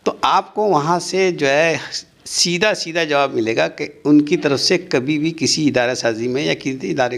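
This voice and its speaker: An older man answers at length in an interview. He sounds earnest and insistent as he defends his record. His pitch sits in a middle range for a man. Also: vocal fry. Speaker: interviewee, university society official.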